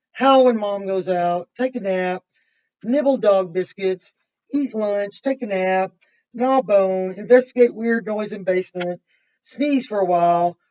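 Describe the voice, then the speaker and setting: A kindergarten teacher with a warm, mid-range voice reads a picture book aloud to young children, offering simple explanations and chatty asides. The recording sounds muffled, as if the mic is far off.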